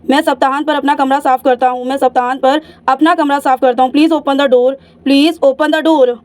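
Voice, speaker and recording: A woman, teaching English by reading each sentence twice, slowly in English and quickly in Hindi. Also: sits high, steady tone, dry recording.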